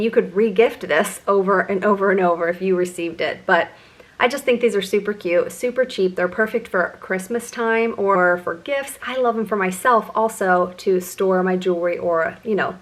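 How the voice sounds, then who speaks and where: A woman's voice: mid-range voice, a bit bright. A middle-aged woman vlogger giving a chatty, enthusiastic product review. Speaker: beauty vlogger.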